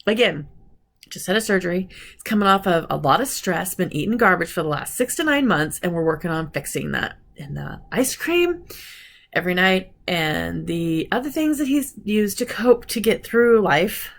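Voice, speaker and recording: A woman's voice: on the low side, lively intonation, normal speed, creaky. A woman vlogger talking in a casual, rambling way, frank and chatty as she catches viewers up. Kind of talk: casual vlog chat.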